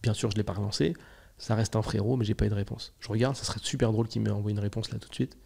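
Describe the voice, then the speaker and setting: A man's voice: lowish voice, fairly even intonation, very fast, creaky, warm tone, breathy edge. A young man hosting a podcast, talking in a casual, slangy monologue and acting out his own inner voice. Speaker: podcast host.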